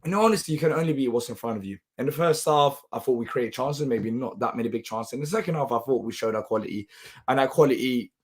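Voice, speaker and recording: A man hosting a live football reaction show, his voice hoarse and half lost, sounding tired. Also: mid-range voice, fast. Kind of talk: live match reaction commentary.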